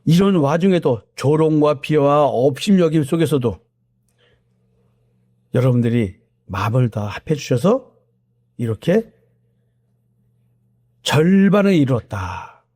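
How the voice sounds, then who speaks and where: A man's voice: a little high, lively intonation, dark tone, dry recording. Earnest male pastor preaching. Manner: earnest, emphatic preaching with slowed, stressed key words. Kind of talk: sermon.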